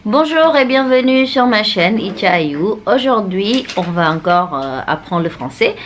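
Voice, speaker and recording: A woman's voice: mid-range voice, expressive, a little slow. A woman with a Sundanese-Indonesian accent, narrating a casual vlog outdoors in a city, hesitant and playful, with many fillers. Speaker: vlogger. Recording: music playing under the voice.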